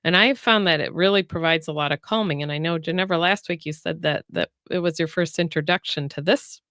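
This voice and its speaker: A woman co-hosts a health chat show while getting over a cold, so she sounds nasal as she chattily guides listeners through breathing exercises step by step. Her voice sits low and a bit bright, her pace is brisk, and the recording has no room sound.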